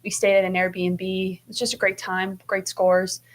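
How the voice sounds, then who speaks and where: A woman's voice: medium pitch, level tone, moderate pace. A woman in her twenties, a senior team captain, answering interview questions in an earnest, upbeat way. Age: 20s. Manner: earnest, upbeat, repeats praise for teammates.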